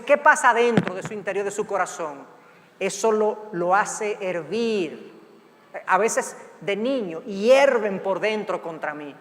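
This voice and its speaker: A middle-aged male pastor preaching to a congregation with a high, bright voice. He talks in an animated way and slips into quick voices of parents and children. His words ring out with a long reverb from a large church hall. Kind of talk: sermon on parenting.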